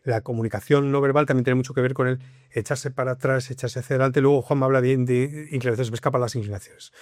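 A man explains things in a lively, conversational way, often repeating his point. He speaks at a middling pitch into a dry, close microphone with no room sound. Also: fast, no room sound. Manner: explanatory, lively, leans on repetition. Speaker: guest, communication coach. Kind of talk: conversational interview.

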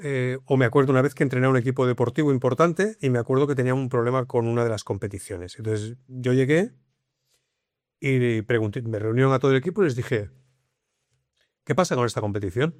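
A man explains things in a lively, conversational way, often repeating his point. He speaks at a middling pitch into a dry, close microphone with no room sound. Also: quick pace, no echo. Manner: explanatory, lively, leans on repetition. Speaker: guest, communication coach. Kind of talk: conversational interview.

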